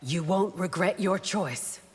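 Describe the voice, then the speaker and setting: With a lowish voice and slow delivery, an actress voices a royal guard warrior woman in a fantasy fighting game's intro dialogue. The character is loyal, solemn, steely, formal, and resolute. The audio has an echoing hall sound with clear background noise.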